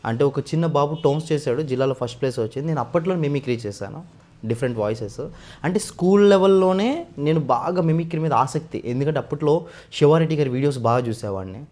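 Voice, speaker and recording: A man from West Godavari in India, a mimicry artist, telling his story in a casual interview and often addressing the interviewer as sir. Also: fairly high pitch. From West Godavari, Andhra Pradesh. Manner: fast, animated storytelling with frequent sir.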